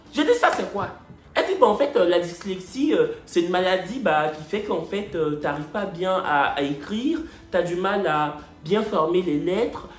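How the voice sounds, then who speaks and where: A man's voice: very high voice, fairly bright tone, full character voice. Laid-back young woman classmate, reassuring and hesitant, voiced by a male storyteller, roomy echo, faint music. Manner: easygoing and reassuring, hesitant fillers. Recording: echoey room with faint music.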